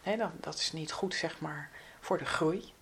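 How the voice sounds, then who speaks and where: A woman with a slightly low voice and plenty of vocal fry delivers a spiritual astrology forecast. She speaks very slowly and gently, in an instructive way. Her phrases often sink into a breathy near-whisper. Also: a little hiss or hum.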